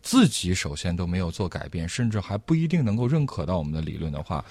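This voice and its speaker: A man hosting a radio parenting show, calmly summing up the guest's points. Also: low-pitched, quick pace, slightly rough, no echo. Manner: calm, summarizing the guest's points. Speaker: host.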